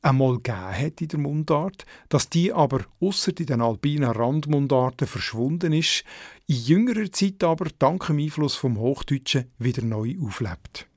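A man's voice: mid-range voice, animated, moderate pace, darkish tone, dry recording, clean studio sound. Swiss German man patiently explaining language. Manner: patient, methodical explaining with spoken examples. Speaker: dialect editor answering listener questions. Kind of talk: radio explainer on word stress.

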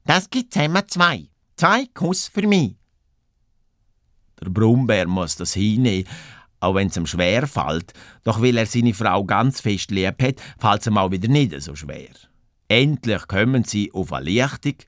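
Lively storyteller man. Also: on the low side, a little slow, no room sound, studio quality. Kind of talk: children's story reading.

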